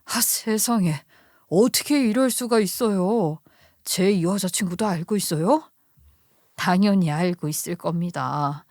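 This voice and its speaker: A woman's voice: fairly low pitch, unhurried, a little mellow, no room sound, clean studio sound. A woman voicing a young man who is engaged to her husband's sister, speaking in a firm, formal and disapproving way. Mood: stern.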